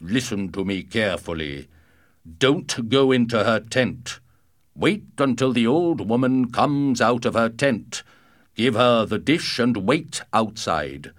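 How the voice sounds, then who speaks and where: Man voicing a loud, slow, stern giant wind lord in a storybook reading. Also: very animated. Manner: very loud, deep, slow commands.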